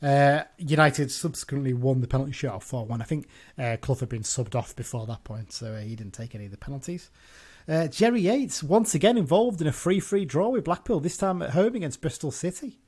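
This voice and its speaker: A man's voice: on the high side, lively intonation, fairly quick, a little mellow, husky. A man hosting a casual football podcast, chatting loosely with frequent restarts and self-corrections. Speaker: podcast host.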